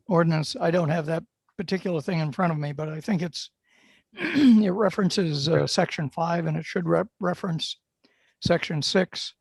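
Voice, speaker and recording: Man, board member, very creaky gravelly voice, slightly high, halting hesitant explanation. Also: darkish tone, no room sound. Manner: halting, hesitant, throat-clearing. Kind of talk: explaining at a formal meeting.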